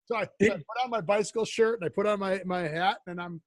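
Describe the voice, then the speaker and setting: A man's voice: sits high, quick pace, a crowd in the background. A man co-hosting a casual chat over a video call, his voice fading in and out as the internet connection drops. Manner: playful, jokey banter. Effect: voice fading in and out over a weak internet connection. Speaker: co-host.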